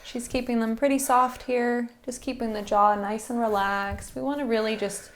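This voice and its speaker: A woman instructor softly guiding a breathing exercise in a soothing, encouraging manner, with background noise in the recording. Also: fairly high pitch, steady tone, normal speed. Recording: faint-to-clear background noise and ambience.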